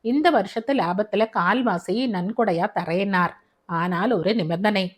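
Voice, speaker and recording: A woman's voice: mid-range voice, measured pace, voice pushed down, close to an everyday voice. A woman voicing a fussy elderly uncle who grumbles, scolds and pities himself, in a storybook reading. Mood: grumbling. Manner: scolding, exasperated.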